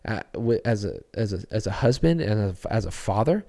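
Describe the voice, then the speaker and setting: A man's voice: fairly low pitch, big pitch swings, a little fast, dark tone. A young adult man, a children's church pastor, talking earnestly and reflectively in a podcast interview, with frequent fillers and restarts.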